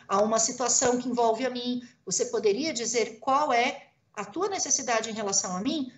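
A woman's voice: on the high side, echoey room. A Brazilian woman, a lawyer and teacher, gives a lecture in a didactic way and keeps checking in with her listeners. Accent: Brazilian Portuguese. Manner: didactic, often tags phrases with "né?".

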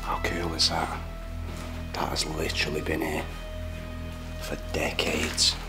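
A man, an urban explorer hosting a vlog, talking in a hushed, awestruck whisper with quick exclamations as he films underground cellars on a handheld camera. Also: extremely low pitch, completely flat delivery. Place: dark underground brick cellars and tunnels. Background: background music.

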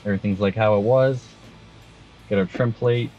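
The Canadian vlogger sounds lowish and steady, talking at a normal pace; the highs are cut off and faint music plays behind him. It's a casual hands-on walkthrough of a vehicle install, shot in a vehicle and outdoors under an overpass.

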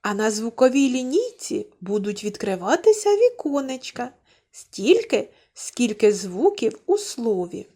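In an unhurried, warm, fairly high voice, a woman teaching kindergarten sings out her drawn-out words and asks the young children questions. It's a slow lesson with clear enunciation, delivered in a sing-song manner.

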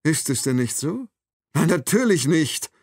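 A man's voice: fairly high pitch, very animated, a little slow, darkish tone, husky, no room sound, studio quality, pitched above the performer's own voice, heavily acted. A man reading an audiobook, voicing a frightened captive male doctor with a trembling, thin voice, out of breath. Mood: agitated. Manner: pleading, then bursts out angrily.

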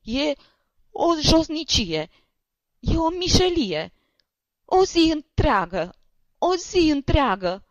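A woman voicing a young male novice lawyer, crying with shame in high, strained, wailing outbursts. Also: sing-song, a bit bright, dry recording, heavily acted. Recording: dull lo-fi dry recording.

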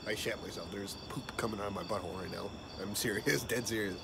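A man in his twenties chatting casually to a camera outdoors, halting and repetitive as his mouth burns from hot peppers. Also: lowish voice, vocal fry. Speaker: vlogger doing a pepper-eating challenge. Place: outdoors in a backyard. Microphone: camera mic a short distance away. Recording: noisy outdoor camera audio, insects. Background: crickets and outdoor ambience.

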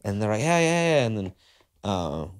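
Lively young man telling stories. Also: on the low side, normal speed, smooth. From Southern California. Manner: animated, acts out quoted dialogue. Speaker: guest, skateboarder. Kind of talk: casual storytelling. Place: cluttered garage studio, indoors. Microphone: podcast mic on boom arm.

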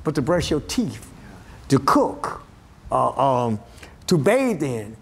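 A man's voice: mid-range voice, very animated, slow, creaky, breathy edge. An older man speaking outdoors as a community advocate in a news interview, emphatic and plain-spoken. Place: outdoors in a neighborhood.

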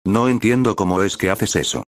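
A fiery, lovestruck teenage girl ninja, read out by a man in a fan story. The voice stays deep and dry. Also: moderate pace, no echo, close to an everyday voice. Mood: upset. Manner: shouting, insistent.

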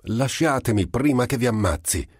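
A man voicing a furious, defiant young mother who works as a maid, shouting threats. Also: medium pitch, lively intonation, normal speed, breathy edge, dry recording, clean studio sound, pitched above the performer's own voice.

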